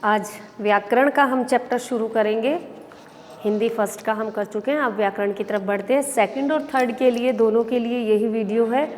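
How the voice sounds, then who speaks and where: A woman schoolteacher giving a recorded lesson to young pupils, explaining slowly and patiently with repeated examples. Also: a little high, steady tone, a little hiss or hum. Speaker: school teacher. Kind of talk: recorded online class lesson. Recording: long reverb of an echoey room.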